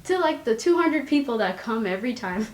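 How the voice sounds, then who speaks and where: Another casual home vlog: a young woman talks fairly quickly in a slightly high, expressive voice, rambling chattily and giggling now and then from her room. The built-in mic of her compact camera captures roomy, poor-quality sound with slight background noise.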